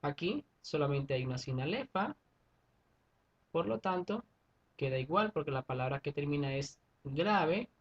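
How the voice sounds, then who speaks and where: A male schoolteacher explains a lesson step by step, pausing often to check that his students follow. His voice is husky and a little breathy. The recording sounds dull and lo-fi. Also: on the high side, lively intonation. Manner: methodical, repeats steps and checks in with students. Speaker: secondary school teacher. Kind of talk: online class explanation.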